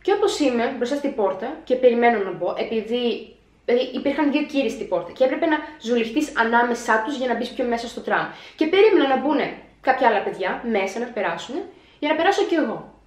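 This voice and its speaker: A young woman telling a story in a vlog, animated, acting out her own panic as she retells it. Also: a little high. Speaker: vlogger. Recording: echoey room.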